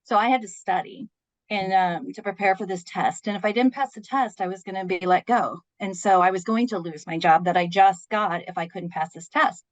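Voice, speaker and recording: A woman in her fifties tells a personal story as a podcast guest, earnest and expressive, with small laughs slipping in between her lines. Her voice sits in an even middle register. The recording is dry and a little dull, with the muffled sound of lo-fi podcast audio. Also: mid-range voice, a little fast, dry recording.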